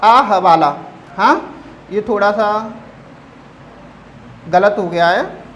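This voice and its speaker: A male teacher taking a phonetics class at a very slow, deliberate pace. He stretches each example word and keeps asking his students a question, then answers it himself. A faint hiss sits under his voice. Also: high-pitched, animated, fairly bright tone, muffled recording. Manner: addresses listeners as friends. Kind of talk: phonetics lesson for exam students.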